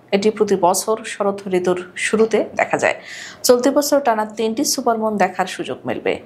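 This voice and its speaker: Female newsreader from Bangladesh, mid-range pitch, formal and measured bulletin delivery. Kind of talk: scripted news reading.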